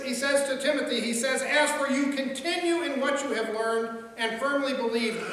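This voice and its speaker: Preaching from a pulpit in a big church, a middle-aged pastor speaks in a very high, somewhat bright voice, conversational and repetitive, with jokes and quoted voices woven into the sermon. His pulpit mic and a far camera capture the echoey hall, faint ambience, and slight background noise from a distance.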